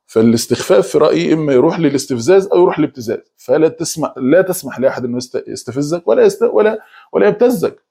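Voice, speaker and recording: A man preaching with an Egyptian Arabic accent, talking quickly with frequent restarts and repeated words. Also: on the high side, expressive, creaky, warm tone, husky. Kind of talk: religious talk.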